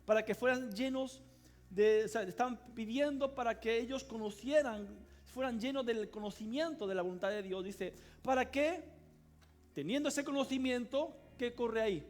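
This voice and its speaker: A man preaching a sermon as pastor of a church, emphatic, swinging between loud cries and quiet asides and calling on the congregation to answer aloud. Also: extremely high pitch, normal speed, soft background music. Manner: calls on the congregation to respond aloud. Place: church service hall.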